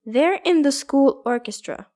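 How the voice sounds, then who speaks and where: A woman voicing an upbeat teenage schoolgirl in a scripted textbook dialogue, speaking clearly and carefully. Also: sits high, lively intonation, measured pace, a little mellow. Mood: cheerful.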